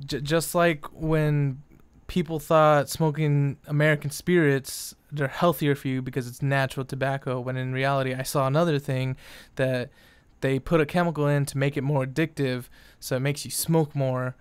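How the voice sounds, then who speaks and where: A man's voice: mid-range voice, smooth, no room sound. A young man in a casual, profane, rambling rant, exasperated and full of fillers and restarts. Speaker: vlogger.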